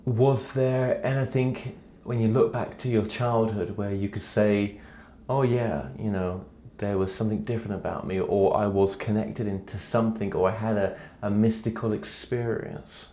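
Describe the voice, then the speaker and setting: A man's voice: on the low side, steady tone, normal speed, slight background noise. Encouraging male interviewer, roomy home. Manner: warm, encouraging, frequent "um" and "wow". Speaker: interviewer, host. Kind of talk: friendly conversational interview. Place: living room at a guest's home, indoors. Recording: roomy indoor echo.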